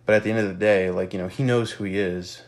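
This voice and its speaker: A young man talks alone on his own podcast in a lowish voice, his nose stuffed up and his breath still a little short. He rambles in a reflective, loose way, full of fillers and the odd casual swear word. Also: fairly even intonation, fast talker. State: slightly out of breath. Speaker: podcast host. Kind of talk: casual solo podcast monologue.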